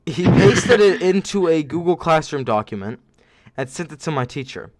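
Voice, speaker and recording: A young man co-hosting a casual podcast who tells long stories in an animated way, with lots of "like" and "uh". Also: a little high, normal speed, no room sound, studio quality. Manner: animated storyteller, frequent fillers. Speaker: podcast co-host.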